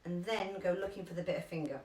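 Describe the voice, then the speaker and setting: Female first aid instructor, London accent, chatty, stresses steps slowly; roomy, distant sound. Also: lowish voice, darkish tone. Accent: London English. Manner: chatty, emphatic, repeats key instructions slowly. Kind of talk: live online first aid class. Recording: echoey room, distant from mic.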